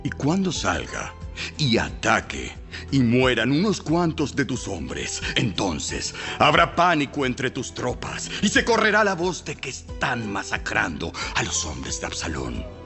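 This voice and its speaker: A shrewd royal counselor in a Bible audio drama, persuading with theatrical emphasis. His mid-pitched male voice rises and falls widely over background music. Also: huge pitch swings, unhurried, vocal fry, sharp tone, heavily acted. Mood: persuasive, grave. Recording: music behind.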